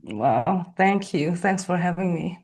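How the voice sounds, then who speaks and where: Hungarian-accented woman guest, low voice, slow and thoughtful, second language. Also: animated. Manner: slow, thoughtful, with soft laughs. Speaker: podcast guest. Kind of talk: casual interview talk.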